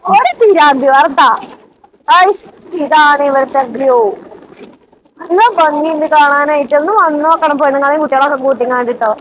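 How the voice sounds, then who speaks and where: Female vlogger, very high voice, casual mix, faint rainy noise outdoors. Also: moderate pace, a bit bright, low-quality recording. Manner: mixes English words into Malayalam. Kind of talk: casual outdoor travel vlog chat. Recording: background noise of rain outdoors.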